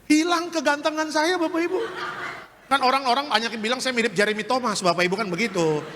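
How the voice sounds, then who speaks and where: A man, a pastor, telling a personal testimony in a sermon, animated and joking with the congregation. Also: very high voice, quick pace, noisy background. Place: church hall. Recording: live stream in a reverberant church hall.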